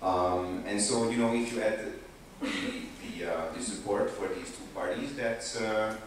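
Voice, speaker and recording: With a voice on the low side, a young activist with a Hungarian accent takes part in a panel discussion, seated on a sofa in a large indoor conference room. He speaks slowly and deliberately, hesitating and restarting a lot. His handheld mic is picked up by a far camera, giving echoey, distant sound with background noise.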